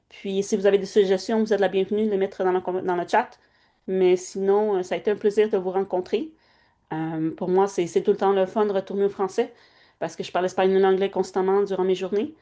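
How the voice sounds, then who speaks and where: A woman's voice: mid-range voice, dark tone. A woman with a Canadian French accent hosting an online meeting in an informal, chatty way. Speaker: meeting host. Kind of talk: casual hosting of an online networking call.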